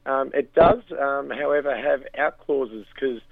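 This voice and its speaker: Radio sports guest: Australian male, gravelly croak, slightly narrow dry line. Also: medium pitch, unhurried, no room sound. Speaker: basketball writer, radio guest. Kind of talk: radio interview analysis. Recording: band-limited radio line.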